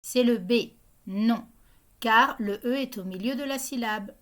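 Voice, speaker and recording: A woman hosts a grammar quiz in a scripted narration voice. Her voice sits a little high, and she reads every question and answer option slowly and evenly. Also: slight background noise. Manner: slow, even reading of questions and answer options. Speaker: quiz host.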